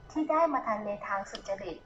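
A woman giving a religious dharma talk and quoting a monk, played back from an old cassette tape. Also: fast talker. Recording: dull lo-fi tape with hiss and clicks.

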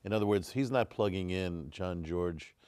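A man's voice: deep voice, normal speed, a little mellow, clean tone, dry recording. A man in his forties, a restaurateur guest on a studio panel, speaking frankly and explaining with examples. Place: dark TV studio set. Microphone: lapel.

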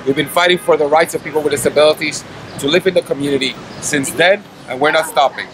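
Activist guy in his 30s, kinda high voice, earnest and pushy, street traffic loud behind him. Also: steady tone, quick pace. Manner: earnest, insistent advocacy. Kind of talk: street interview. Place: city street outdoors with traffic. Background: traffic and city ambience.

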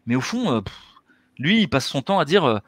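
This interview guest is a middle-aged anesthesiologist and author who explains ideas earnestly in conversation, his hands moving as he talks. His voice sits on the high side, very animated and a little bright, with a brisk pace. He joins by video call from a small room over a headset mic, with no echo.

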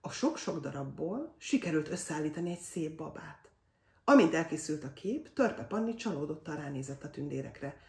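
A woman reading a children's fairy tale aloud in an expressive, animated way. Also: low voice, far from the mic. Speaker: storyteller. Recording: roomy echo.

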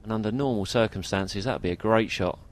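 A man's voice: on the low side, brisk, a little hiss or hum. A man giving golf commentary, analysing each shot of a tournament.

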